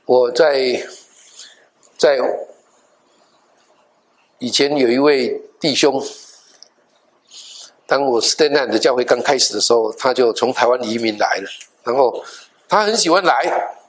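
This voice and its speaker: A middle-aged male pastor telling a story in a sermon, animated and acting out the dialogue, with English words mixed in. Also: medium pitch, measured pace, long pauses. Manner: animated, acts out dialogue in different voices.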